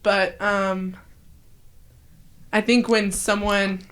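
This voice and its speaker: A woman chatting on a podcast, animated and quick to laugh. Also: medium pitch, heavy background noise. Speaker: podcast guest. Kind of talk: casual chat.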